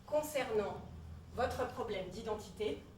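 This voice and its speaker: A woman's voice: on the high side, lively intonation, unhurried, darkish tone. A woman playing a haughty Marianne, the French Republic personified, lecturing citizens sarcastically in a comedy sketch. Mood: mocking. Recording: roomy echo from a distance, faint noise.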